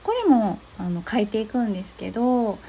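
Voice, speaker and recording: A young woman hosting an advice talk, explaining steps gently with frequent soft agreeing fillers. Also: medium pitch, fairly quick, a little hiss or hum. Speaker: podcast host giving advice to therapists.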